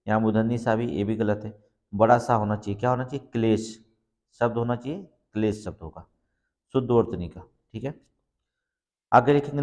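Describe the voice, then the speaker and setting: A man's voice: medium pitch, a little mellow. A man teaching exam preparation, walking through each answer step by step and confirming it with a repeated check. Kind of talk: exam-prep lesson. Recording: long reverb in the room.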